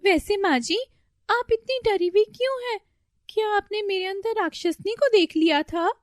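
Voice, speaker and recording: A woman voicing a bold, defiant young daughter-in-law in a storybook tale, with a loud, scolding, commanding way of talking. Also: very high-pitched, normal speed, no echo, clean studio sound, voice pushed up. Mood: sweetly innocent.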